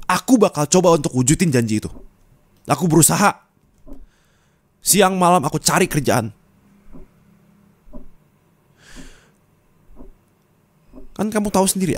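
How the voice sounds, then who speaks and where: In an ASMR roleplay, a young voice actor plays an angry, heartbroken young man scolding his partner, swinging between shouting and low, bitter muttering. The acting is fairly light.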